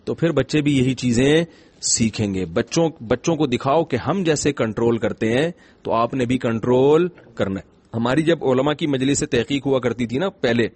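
In a dry recording, a middle-aged man with a mid-range, breathy voice talks about religion as an Islamic scholar. His style is conversational, gentle, and humorous, with storytelling and rhetorical questions.

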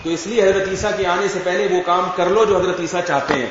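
A man's voice: high-pitched, fairly even intonation. A man, an Islamic scholar giving a conversational religious lecture and often asking his listeners whether they follow. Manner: conversational, checks understanding with rhetorical questions. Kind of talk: religious lecture answering questions. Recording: echoey hall, far from dull mic, faint noise.

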